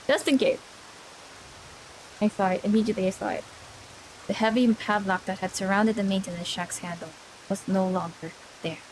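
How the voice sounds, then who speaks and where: A woman streamer reads a game's story aloud into a desk microphone. Her voice sits at an ordinary middle pitch. She narrates with storytelling drama and acts out the characters' lines. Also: level tone, a little fast, a little hiss or hum, rough recording. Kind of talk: reading a visual novel aloud on a live stream.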